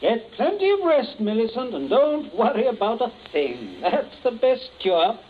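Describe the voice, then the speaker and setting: A man's voice: very high-pitched, sing-song, measured pace, full character voice. An actor playing a scheming middle-aged father in a 1940s radio play, coldly jovial and suave while giving orders. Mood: falsely jovial. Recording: dull old radio recording, faint hiss.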